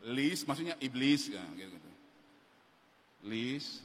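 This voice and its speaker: A man voicing an ashamed young man who hesitantly confesses his sins to a pastor, speaking low and quiet in an echoey church hall. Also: lively intonation, slow, a little hiss or hum. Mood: sheepish.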